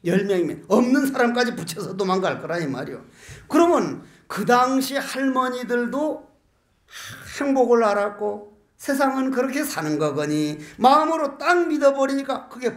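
An older man preaches, telling folksy jokes and tossing out rhetorical questions. He is a Buddhist monk giving a sermon. The sound is echoey, as in a large lecture hall. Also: extremely high pitch.

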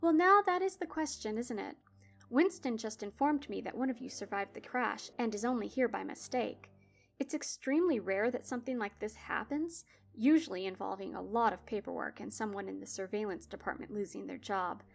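A woman's voice: mid-range voice, brisk, gravelly. A woman voicing a bored, weary balding gatekeeper in his fifties in a spoken horror story. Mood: brusque. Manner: bored, brusque.

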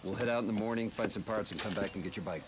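Man acting a low-voiced, sardonic biker buddy. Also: very fast, background noise, close to an everyday voice. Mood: dry. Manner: dry, sardonic. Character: big, wry, weary outlaw biker buddy. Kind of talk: video game dialogue acting.

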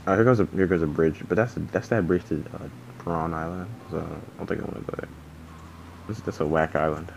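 A man with a low voice talks loosely over his gameplay, drowsy and yawning. He rambles and swears freely, with a faint hum of background noise behind him. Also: fairly quick, creaky, a little mellow, dull audio. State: sleepy, yawning. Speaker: gaming channel host. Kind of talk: casual gameplay commentary.

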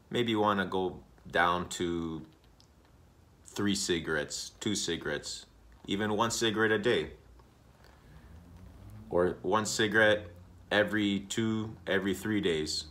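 Low-voiced vlogger in his thirties, loose and repetitive, room webcam sound. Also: unhurried, pauses often. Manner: rambling, repetitive, relaxed, with many uhs. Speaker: smoking vlogger. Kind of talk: casual smoking vlog. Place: indoor room.

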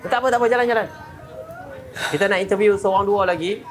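A man doing brisk, chatty street interviews at an outdoor market. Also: high voice, faint music behind. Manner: brisk, chatty, calls out to passers-by. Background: crowd.

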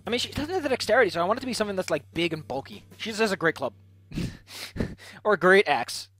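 A man casually commentating as he builds a tabletop game character, playful and thinking out loud. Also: high-pitched, animated, fast talker, no echo, soft background music. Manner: playful, thinking aloud, mild swearing.

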